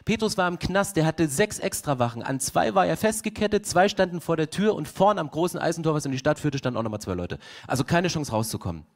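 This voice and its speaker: A man's voice: fairly high pitch, quick pace, few pauses. A young man preaching a sermon, telling the story vividly and asking the congregation rhetorical questions. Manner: lively storytelling, acts out voices, rhetorical questions. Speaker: pastor.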